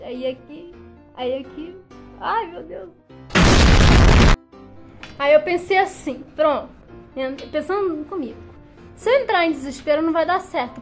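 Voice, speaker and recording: A young woman telling a dramatic personal story in a casual, animated way. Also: sits high. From Brazil. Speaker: vlogger.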